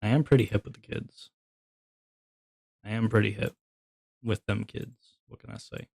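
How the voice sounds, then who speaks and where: A man's voice: fairly low pitch, fairly even intonation, normal speed, gravelly, darkish tone, breathy edge, dry recording. A man streaming live who talks to his chat in a sarcastic, grumbling, exasperated way. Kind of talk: casual livestream chat.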